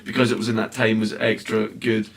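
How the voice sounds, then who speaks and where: A man's voice: fairly low pitch, little pitch movement, brisk, gravelly. A young man with a Scottish accent, chatting casually about films as a podcast host. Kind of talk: casual film chat.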